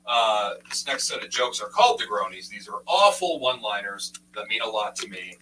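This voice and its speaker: A man's voice: fairly low pitch, animated, brisk, pushed and bright. A man doing a live stand-up comedy set on stage, with self-deprecating jokes. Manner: self-deprecating joke delivery. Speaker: stand-up comic. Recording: distant mic in a noisy room.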